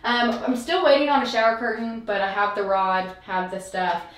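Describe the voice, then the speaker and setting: A young woman in her twenties chats and giggles through a home-tour vlog, talking straight to her viewers. Her voice sits a little high. She holds the camera at arm's length as she walks from room to room indoors. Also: fairly even intonation, moderate pace. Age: 20s. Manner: chatty, giggly, talks to viewers directly. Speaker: vlogger. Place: bathroom and rooms of a house, indoors. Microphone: handheld camera at arm's length.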